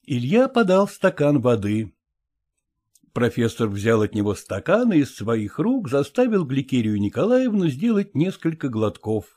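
Husky-voiced male audiobook narrator. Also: mid-range voice, very animated, a little slow, a little mellow. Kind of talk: scripted narration.

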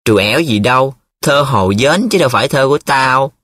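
A man's voice: mid-range voice, expressive, brisk, fairly bright tone, no room sound, voice pushed up. A man voicing a teasing, dramatic young male student who talks in a playful, showy way, in an audiobook. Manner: playful, showy, sing-song when reciting.

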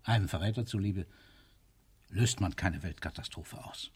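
A man's voice: sits low, moderate pace, darkish tone, a little hiss or hum, lightly acted. An actor in a radio play, a man playing Napoleon as an imperious, coolly calculating ruler with a commanding, declamatory delivery. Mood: coolly argumentative.

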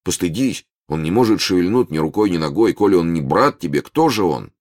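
Man playing a soft-hearted gentleman, deep and earnest. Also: lively intonation, a little fast. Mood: concerned. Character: kindly gentleman passer-by, concerned.

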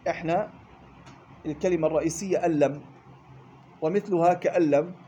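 A man's voice: fairly high pitch, brisk, mellow, slight background noise. A man teaching a classroom lesson on Quran recitation rules, explaining step by step, repeating key points and checking with his students. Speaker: tajweed teacher.

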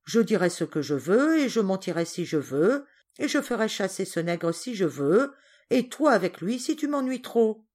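A woman's voice: mid-range voice, very animated, moderate pace, darkish tone. A woman voicing a spoiled, arrogant young boy who gives orders and sneers. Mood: bossy sneering. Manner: commanding, sneering.

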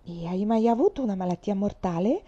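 A gentle, kind young girl, read by a woman in her own mellow voice. She pleads softly, and the audio has a slightly dull, lo-fi quality. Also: medium pitch, animated, brisk, husky.

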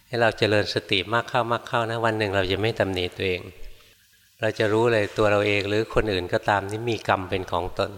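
An older man, a monk teacher, giving a calm, unhurried Dharma talk and gently admonishing listeners as he answers their practice reports. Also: fairly low pitch, long reverb tail.

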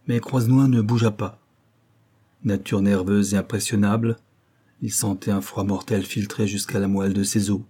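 A man narrating a novel as an audiobook in a steady, measured reading. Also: lowish voice, breathy edge.

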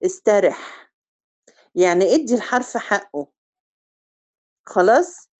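A woman with an Egyptian Arabic accent teaching a recitation review lesson. She quizzes her students and stretches example words out slowly to demonstrate them. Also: mid-range voice, animated, darkish tone.

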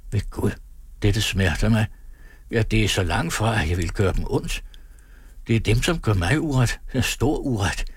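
A man reading the part of a gruff but well-meaning older gentleman in a storybook, speaking earnestly and persuasively. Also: lowish voice, animated, dry recording.

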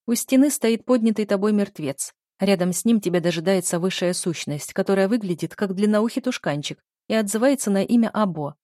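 A woman's voice: medium pitch, lively intonation, fairly quick, hardly any pauses, warm tone, no echo, studio quality, natural voice. Commanding floating spirit woman, as a reader puts her on. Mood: cool, knowing. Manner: commanding, imperious. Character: stern mysterious floating female spirit, about thirty. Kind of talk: audiobook character voice.

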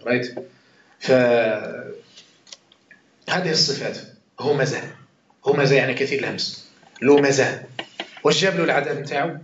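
A man's voice: medium pitch, normal speed, long pauses. A man with an Algerian Arabic accent giving an informal Quran commentary lesson, chatting with his listeners, swearing oaths and checking that they follow. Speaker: Quran teacher. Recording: roomy, dull lo-fi recording.

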